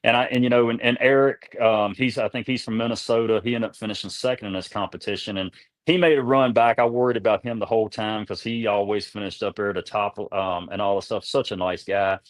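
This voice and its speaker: A man's voice: on the low side, fairly even intonation, quick pace, dry recording. Folksy man telling rambling stories. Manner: folksy, rambling, repeats words. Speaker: guest, tournament kayak angler. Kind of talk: casual storytelling interview.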